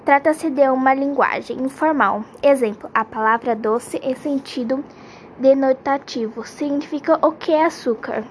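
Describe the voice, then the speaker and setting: A woman reading a grammar lesson aloud in a slow, halting way, restarting on some words. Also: sits high, a little hiss or hum.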